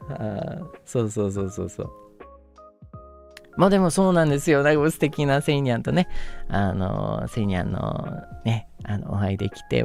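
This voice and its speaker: A man's voice: on the high side, gravelly. A man with a Kansai accent streaming casual chat to fans, rambling, gushing thanks and laughing often. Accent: Kansai Japanese. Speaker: virtual streamer.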